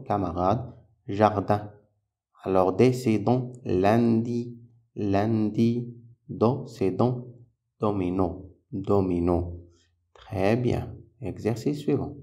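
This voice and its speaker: A man's voice: fairly low pitch, gravelly, warm tone. A man teaching a phonics lesson to young children, patiently sounding out and repeating syllables and words. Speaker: primary school teacher.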